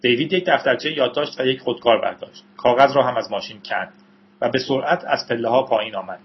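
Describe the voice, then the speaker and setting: A man reading a novel aloud as an audiobook narrator, in steady storytelling with the odd aside to listeners. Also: medium pitch, muffled recording, a little hiss or hum.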